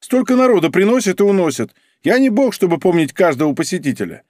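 Brief: nervous cowardly clerk, read by a man, husky whining mutter, pitched high, bone-dry studio sound. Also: very animated, fast talker, darkish tone, no echo. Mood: indignant excited. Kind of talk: audiobook character voice.

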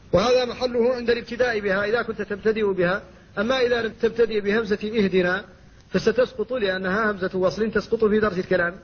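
A middle-aged man with a Mauritanian Arabic accent, teaching Quran recitation with slow, careful demonstrations of pronunciation. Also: high voice, breathy edge, muffled recording. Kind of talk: explanatory lesson on tajweed.

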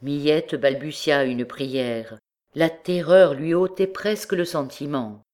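A woman narrating a classic novel as an audiobook, with measured, expressive storytelling. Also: deep voice.

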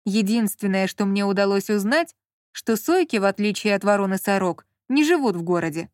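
A woman reading an audiobook, voicing an easygoing, puzzled grown man in a mild, unhurried way. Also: mid-range voice, animated, darkish tone, dry recording, clean studio sound, natural voice.

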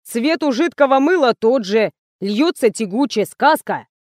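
A fussy, businesslike man lays out the rules step by step in a matter-of-fact way, as a woman narrator reads him. The voice stays fairly high and close, with a dry sound. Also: animated, a little slow, darkish tone, no room sound. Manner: methodical, matter-of-fact explaining. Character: fussy methodical male sponsor's agent.

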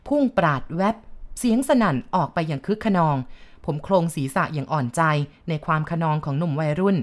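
A woman narrates a story in a steady, descriptive manner. Her voice sits on the low side. The reading is even and unhurried.

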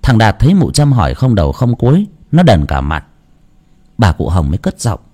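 Lively male ghost story narrator. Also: fairly low pitch, moderate pace, slightly rough. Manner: expressive, lively.

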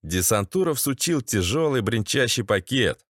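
A man's voice: mid-range voice, very animated, normal speed, a bit bright, no room sound. Gritty male audiobook narrator, dry sound. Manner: tense, gritty and sardonic. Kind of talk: first-person audiobook narration.

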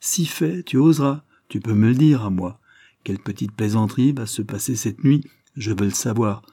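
A man voicing a stern, pressing gentleman. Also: on the low side, normal speed, dry recording. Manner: pressing, threatening then coaxing. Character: stern gentleman interrogating a boy. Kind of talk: audiobook character reading.

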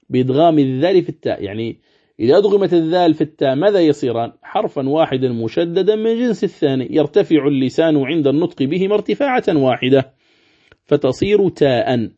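Man giving a quran recitation lesson, kinda high voice, dull lo-fi recording, slowly drags out the words he demos. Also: dark tone. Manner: explains step by step, repeating points and slowly demonstrating recited words. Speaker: sheikh teaching Quran recitation.

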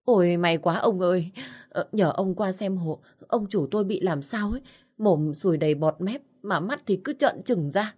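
A woman voicing a terrified aging female housemaid who shouts and pleads for help. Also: lowish voice, moderate pace, slightly rough. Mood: frightened pleading.

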